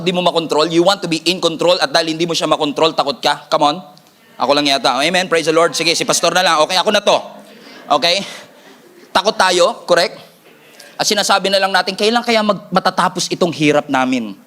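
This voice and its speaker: A man preaching a sermon as pastor, animated, joking and calling for responses from the congregation, repeating key lines for emphasis. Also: fairly high pitch, brisk.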